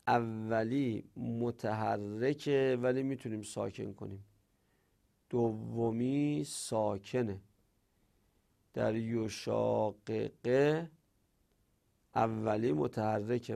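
A man's voice: medium pitch, gravelly, warm tone. A male teacher explaining Arabic grammar rules step by step, posing questions and then answering them himself.

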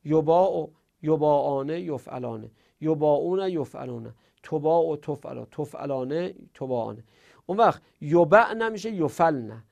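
A middle-aged man teaching Arabic grammar in a classroom lesson, drilling verb conjugations and trailing off quietly at the ends of lines. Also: fairly high pitch, animated, creaky.

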